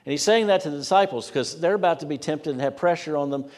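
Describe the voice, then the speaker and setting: Earnest pastor in an echoing sanctuary. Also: male voice, on the high side, quick pace. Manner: earnest, plain-spoken, dropping to a hush at key points. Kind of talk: sermon. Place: church sanctuary. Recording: preached in a reverberant church sanctuary.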